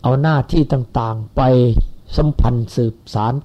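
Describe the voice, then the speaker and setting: A man's voice: medium pitch, a little slow, mellow. A man in his seventies giving a rambling, folksy Buddhist sermon to followers. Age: 70s. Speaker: Buddhist teacher. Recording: lo-fi dull recording.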